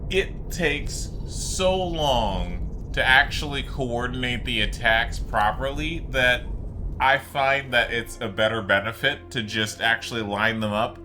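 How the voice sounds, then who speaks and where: A gaming video creator narrates gameplay in a medium-pitched, unhurried voice with a sharp tone. His commentary is casual and rambling, explaining things with frequent asides, while video game music plays behind him.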